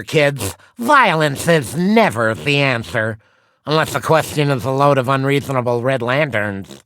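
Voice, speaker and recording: A man's voice: high voice, pushed and bright, dry recording, heavily acted. A man voicing a vain, cowardly cartoon duck superhero in a video game, with a slushy lisp and a bombastic, wisecracking manner. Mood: sardonic, jumpy. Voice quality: wet lateral lisp, slushy sibilants.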